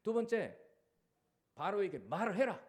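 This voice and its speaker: Male pastor, sermon, high voice, swooping lively pitch, dramatic delivery. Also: unhurried. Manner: animated preaching, acting out quoted cries and commands.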